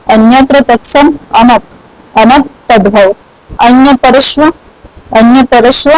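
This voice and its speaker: A woman teaching a grammar lesson at a slow, deliberate pace, with a voice that sits a little high. She says each word twice and asks herself questions, then answers them. The sound is dry and close, with no room echo.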